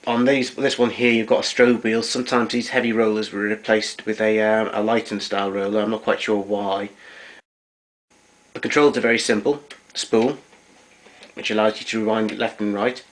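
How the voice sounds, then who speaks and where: Recorded on a noisy amateur camera in a home kitchen, a man shows off vintage tape recorders as a collector, talking through the equipment hands-on, unscripted and matter-of-fact. He speaks at normal speed in a lowish voice with little pitch movement.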